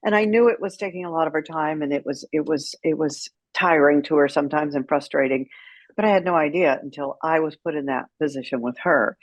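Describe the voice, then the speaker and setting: Brisk and low-voiced, this middle-aged American caregiver advocate tells stories conversationally as an interview guest. Her retelling is candid, wry and animated, with quoted dialogue, and the recording has no echo.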